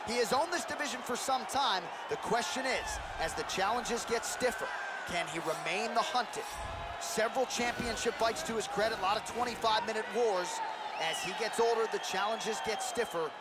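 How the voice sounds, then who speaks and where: A man performing as an excitable play-by-play cage fight commentator in a sports video game. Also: high voice, moderate pace, close to an everyday voice. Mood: building anticipation. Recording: loud arena noise behind.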